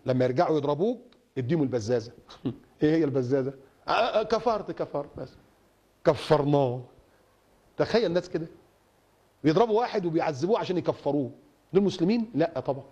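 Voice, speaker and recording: Lively, fast-talking Egyptian preacher man. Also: a little high, slightly rough, dull audio. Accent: Egyptian Arabic. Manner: emphatic, rhetorical, repeating phrases for stress. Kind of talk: impassioned sermon.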